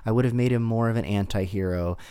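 A man co-hosting a casual chat about films, relaxed and joking, thinking aloud as he goes. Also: fairly low pitch, fast, clean tone. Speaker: podcast co-host. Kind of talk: casual film review chat.

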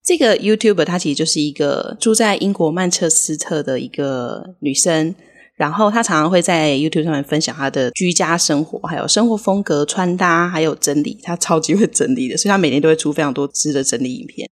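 A woman with a low, husky voice talks in Taiwanese Mandarin as a podcast co-host. She teaches English vocabulary in a relaxed lesson style. She breaks each word down slowly and plainly. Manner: explains words slowly and clearly. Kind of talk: casual language lesson.

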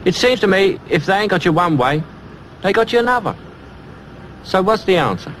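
Een acteur die een vermoeide Cockney-arbeider speelt, slepend en berustend, in een oude filmclip met ruis. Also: male voice, high-pitched, animated, normal speed, fairly bright tone, rough recording. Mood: brooding. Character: weary working-class Cockney man musing. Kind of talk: film dialogue. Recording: old film clip with background noise.

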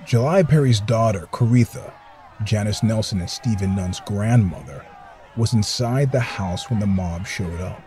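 A man's voice: lowish voice, normal speed, a crowd in the background, noisy background. A man hosting a documentary podcast, reading scripted narration in a true crime storytelling style.

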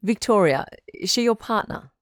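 A woman playing the smooth, reassuring host of a radio call-in advice show. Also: medium pitch, lively intonation, moderate pace, dry recording, studio quality, close to an everyday voice. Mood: calm, welcoming. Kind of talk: scripted radio call-in drama.

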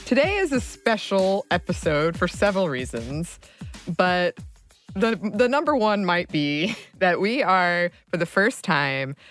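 A woman's voice: fairly low pitch, big pitch swings, unhurried, faint music behind. A woman co-hosting a podcast in casual conversation, recorded close on a microphone in a small home closet. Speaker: podcast co-host. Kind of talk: casual chat.

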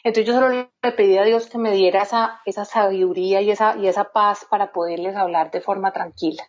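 A woman's voice: mid-range voice, fairly even intonation, a little fast. A woman guest in an interview, telling a personal story in an earnest, heartfelt way. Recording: slightly dull lo-fi sound.

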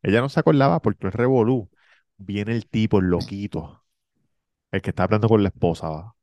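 Male host, low-pitched storyteller, dry close mic, animated, acts out the voices in his stories. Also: fairly quick, no room sound. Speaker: podcast host. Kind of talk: casual storytelling chat.

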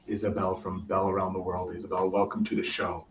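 Deep-voiced and brisk, a Canadian podcast host chats casually and enthusiastically with his guest, often restarting sentences despite a flat delivery. Recorded from off-mic, the audio is dull and roomy with echo and a little hiss or hum.

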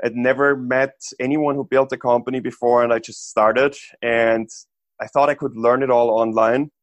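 A man's voice: medium pitch, little pitch movement, normal speed, no room sound, muffled recording. Thoughtful man from Austria, dry sound. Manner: thoughtful, frequent restarts and "like" fillers. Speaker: interview guest, entrepreneur. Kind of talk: casual interview talk.

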